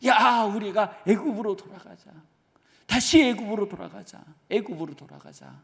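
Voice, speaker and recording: A man's voice: high-pitched, expressive, normal speed, a little mellow, big-room sound, pitched above the performer's own voice. A man putting on a whining, grumbling wanderer. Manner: whining, complaining. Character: grumbling weary Israelite wanderer, male adult.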